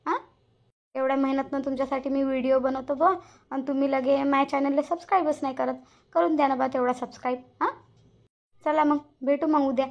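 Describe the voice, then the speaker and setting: A woman's voice: high voice, steady tone, brisk, highs cut off. A woman voicing a touchy elderly village woman in a cartoon, indignant and scolding. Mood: chatty. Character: touchy elderly village woman Shantabai, proud of her dress. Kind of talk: cartoon voice acting.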